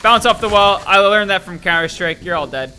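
This gaming streamer, a young adult man, talks a little fast in a high voice as he plays a shooter on a headset from a desk in a small room. His casual let's-play commentary is excitable and jokey, and he answers back to the game. A little hiss or hum is audible.

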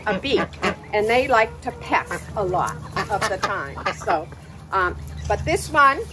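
With a sing-song, medium-pitched voice, a middle-aged woman leads an unscripted show-and-tell for young children at a backyard farm pen. She explains things simply and haltingly, while a camera some distance away records noisy outdoor audio with clicks.

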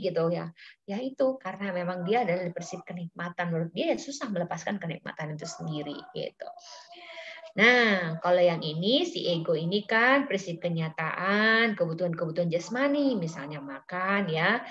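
Woman, middle-aged, informal lecture, conversational with fillers, lowish voice. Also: lively intonation, moderate pace, a bit bright. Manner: chatty, many fillers, acts out quoted dialogue. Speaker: psychology lecturer and counselor. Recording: slightly dull lo-fi audio.

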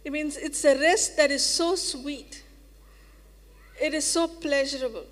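A woman's voice: high-pitched, measured pace, fairly bright tone. A woman preacher giving a sermon in an earnest, reassuring way, repeating phrases for emphasis. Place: church hall. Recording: reverberant church hall.

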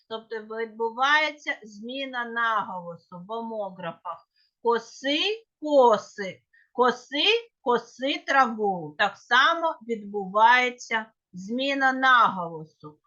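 A woman lectures on grammar in a high, bright voice, taking her time over each example. She explains with care and sometimes stops to correct a slip. The recording sounds muffled and lo-fi. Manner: careful, with small self-corrections. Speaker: teacher. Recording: dull lo-fi recording.

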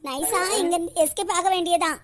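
A woman with a Kanyakumari Tamil accent voicing a whiny, exclaiming character in an animated comedy. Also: extremely high pitch, fairly quick.

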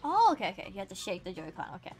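A woman's voice: medium pitch, racing, soft background music. A woman streamer giving casual gameplay commentary, giggling often and talking to the characters on screen. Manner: giggly, excitable, talks to the game characters.

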